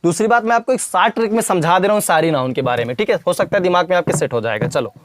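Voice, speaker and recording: A man's voice: high voice, animated, racing, dry recording. A man teaching English grammar in a classroom lesson, repeating points and quizzing the viewer with questions, calling them brother and child.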